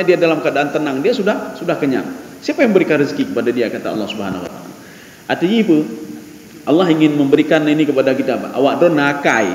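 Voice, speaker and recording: A man giving a lecture in a mosque, teaching the congregation and asking them rhetorical questions. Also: fairly high pitch. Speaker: religious teacher. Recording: echoey mosque hall, faint background ambience.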